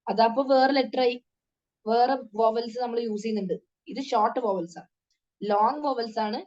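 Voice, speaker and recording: Higher-pitched woman teacher drilling syllables. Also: normal speed, darkish tone, muffled recording. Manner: drills syllables one by one, patient and instructive. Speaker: tajweed teacher. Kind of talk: online class for children.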